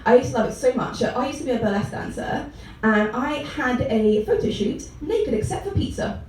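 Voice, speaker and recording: A woman's voice: sits high, animated, fairly quick, darkish tone, a little hiss or hum. A young woman performing a stand-up comedy set in a comedy club, rambling with many ums and frequent giggles. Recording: echoey club room, mic heard from a distance.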